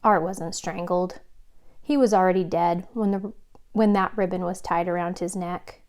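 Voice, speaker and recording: A woman voicing a calm, serious male police chief in an audiobook, speaking steadily, earnestly and kindly. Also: lowish voice, moderate pace, lightly acted. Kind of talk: audiobook character reading.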